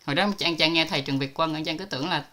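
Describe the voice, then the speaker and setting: A woman's voice: sits low, steady tone, very fast, sharp tone. A woman from Vietnam hosting a casual video call chat, talking freely and laughing often. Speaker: host.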